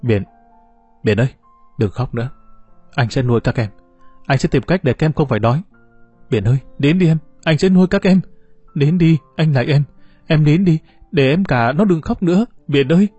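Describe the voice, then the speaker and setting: A man's voice: fairly high pitch, moderate pace, pauses often, husky, dry recording, lo-fi sound, faint music behind. A man doing a tearful teenage big brother. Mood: tearful resolve. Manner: soft, tearful pleading. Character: grieving teenage boy, eldest brother, steadfast.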